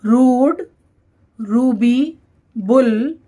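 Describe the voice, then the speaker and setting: A woman with a high voice teaches a dictation lesson at a very slow pace. She says each English word on its own and often repeats it so learners can write it down. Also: dark tone.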